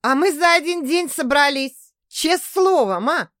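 A carefree, excited young woman in a storybook reading, put on by the female narrator. She talks loudly in a high, lively voice, bubbling over. The recording is dry and close. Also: a little slow, dry recording. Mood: cheerful. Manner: loud and bubbly. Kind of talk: audiobook character voice.

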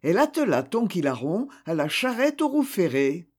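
A narrator reading a children's story aloud in a slow, expressive way. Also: mid-range voice, breathy edge.

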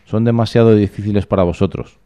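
A man's voice: fairly low pitch, fairly even intonation, quick pace, dark tone, lightly acted. A man reading the lines of a stern, condescending village priest in a storybook reading. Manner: condescending, questioning. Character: stern middle-aged male village priest.

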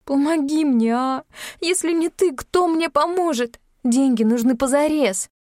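A woman's voice: measured pace, darkish tone, no echo, clean studio sound. A woman reading an audiobook, voicing a sly, mocking young woman who turns whiny and pleading. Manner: shrill, sarcastic, whiny. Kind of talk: audiobook character voice.

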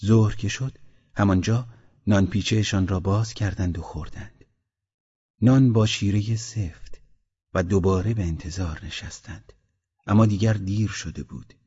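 A man from Mazandaran, Iran, calmly reading a short story aloud as an audiobook narrator. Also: fairly low pitch, slightly rough. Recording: dull lo-fi audiobook recording.

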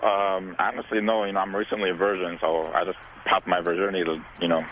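A man's voice: low-pitched, flat delivery, fast talker, slight background noise. A man, calling into a radio show, hesitant and full of fillers. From Syria. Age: 20s. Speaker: caller. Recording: tinny phone line.

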